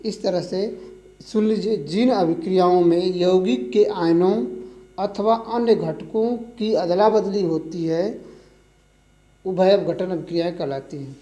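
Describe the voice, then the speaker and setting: A chemistry teacher explains a lesson slowly and repetitively, spelling out formulas letter by letter. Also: mid-range voice, warm tone, rough recording. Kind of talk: classroom-style lesson explanation.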